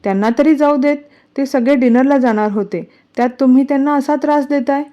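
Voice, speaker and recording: A woman's voice: sits high, fairly quick, warm tone, dull audio, pitched above the performer's own voice, natural voice. A woman reading a storybook voicing an upset, hurt young wife who complains indignantly.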